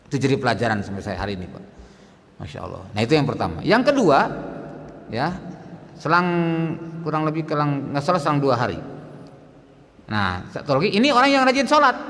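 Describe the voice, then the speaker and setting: A man's voice: fairly high pitch, fairly bright tone. A man preaching at a mosque, telling a story dramatically and acting out the dialogue. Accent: Indonesian. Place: mosque hall. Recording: long hall reverb in mosque.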